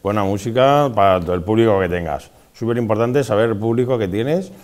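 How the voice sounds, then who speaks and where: A man's voice: fairly low pitch, a little fast, darkish tone. A middle-aged man, a DJ, telling his colleagues and students a story in a firm, matter-of-fact way during a casual chat. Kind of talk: casual conversation. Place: large school room.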